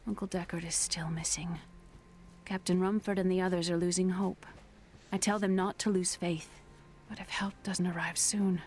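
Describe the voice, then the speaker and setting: Worried young game heroine, voiced by a woman, earnest, lowish voice, faint noise behind. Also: little pitch movement, moderate pace, a little mellow, lightly acted. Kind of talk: video game character acting.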